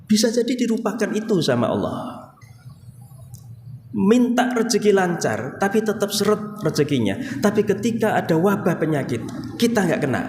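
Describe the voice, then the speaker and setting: A man's voice: high voice, a little hiss or hum. A middle-aged man with an East Javanese accent giving a Ramadan evening sermon in a mosque, folksy and direct, often turning to the men with "Pak". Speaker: preacher. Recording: echoey mosque hall, faint ambience.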